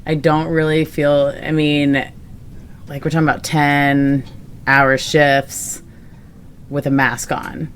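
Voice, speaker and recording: A young woman with a low voice talks loosely on a casual podcast, circling her point with fillers and trailing off. She laughs often as she goes. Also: flat delivery, takes it slowly, slight background noise. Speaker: podcast co-host. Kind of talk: casual chat.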